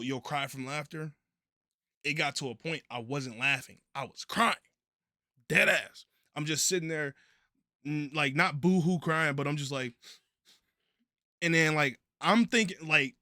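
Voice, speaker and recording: A young man spins a story in a loose, laid-back way, cussing freely and leaning on slang. His voice sits a little high and comes across bright and forceful. The sound is close and dry. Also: dry recording. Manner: laid-back, profane slang-heavy delivery. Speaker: streamer telling a story. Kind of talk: casual storytelling.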